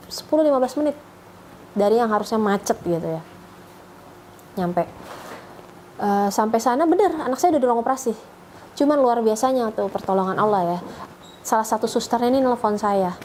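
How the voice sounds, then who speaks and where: A woman's voice: a little high, expressive, fairly quick, long pauses, a little mellow, slight background noise, low-quality recording. A middle-aged woman, telling her story as a mother in a personal testimony, emotional and acting out what others said. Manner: emotional, acts out quoted speech in a raised voice. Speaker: mother sharing a faith testimony.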